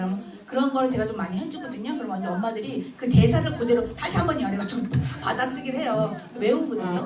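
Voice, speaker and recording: A middle-aged woman teaching a church class for mothers, telling stories with lively acted-out dialogue and frequent laughter. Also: fairly high pitch. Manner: animated storytelling, acting out child and mother dialogue, frequent laughter. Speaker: Bible memorization instructor. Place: church hall. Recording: echoey hall, distant mic, noisy.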